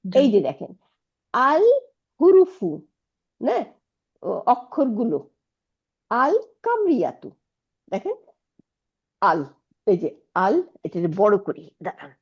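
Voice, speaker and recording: A woman's voice: on the high side, big pitch swings, slow pace, long pauses, husky, muffled recording. A woman teaching an Arabic lesson, patiently explaining and asking her students checking questions. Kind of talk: online Quranic Arabic lesson.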